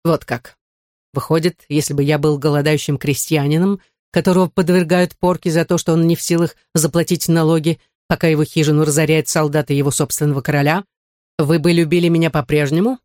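A man's voice: a little high, fairly even intonation, a little fast, darkish tone, dry recording, studio quality, lightly acted. Man playing a haughty sarcastic dwarf count.

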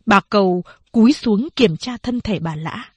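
A woman narrating a novel as an audiobook, slow and measured. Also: mid-range voice, expressive, darkish tone, husky, no echo.

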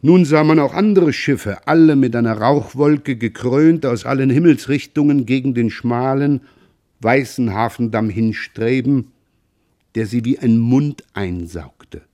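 A man giving a measured, expressive reading of a classic novel. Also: mid-range voice. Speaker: reader. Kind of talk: literary reading.

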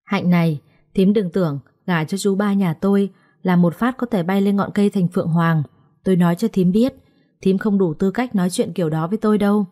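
A woman's voice: mid-range voice, fairly quick, dark tone, natural voice. A woman storyteller voicing a spiteful, scheming elder daughter-in-law who talks down to others with sneering condescension.

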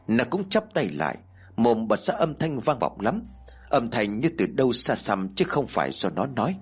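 A man reading a horror story aloud in a measured, dramatic manner. His voice is husky, and his pitch moves widely as he tells it. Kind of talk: scripted horror story narration.

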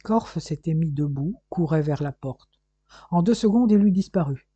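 A man reading an audiobook aloud in a steady, measured narration. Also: on the high side, husky, no room sound. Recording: dull lo-fi recording.

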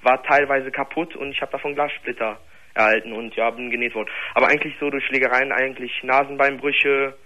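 A man's voice: medium pitch, flat delivery, brisk, pushed and bright, dull audio. Hesitant nineteen-year-old male caller. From Germany. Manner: hesitant, struggles for words. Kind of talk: phone-in conversation.

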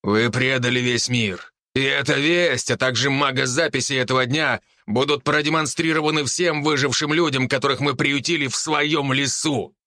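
A man's voice: mid-range voice, fairly even intonation, moderate pace, hardly any pauses, sharp tone, no echo, clean studio sound. A man voicing a scarred veteran wolf-beast warlord who growls and taunts his enemies in an audiobook. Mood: mocking. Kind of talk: audiobook character voice.

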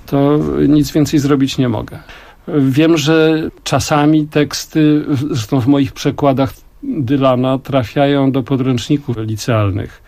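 Older man speaking in slow reflective tones. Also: medium pitch, fairly even intonation, darkish tone. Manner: reflective, measured, with frequent pauses. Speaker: song translator and musician, guest. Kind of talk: radio interview. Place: radio studio.

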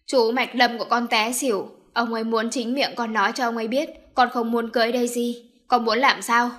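A strong-willed middle-aged mother who scolds and comforts by turns, as a woman narrator puts her on. Spoken a touch higher than the narration, in a firm storybook voice. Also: flat delivery, brisk, fairly bright tone, natural voice.

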